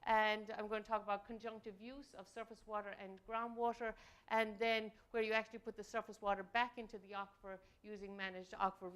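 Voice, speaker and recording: Smooth-voiced hesitant woman presenter. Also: medium pitch, a bit bright. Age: middle-aged. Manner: hesitant, many fillers. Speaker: invited speaker. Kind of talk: academic presentation.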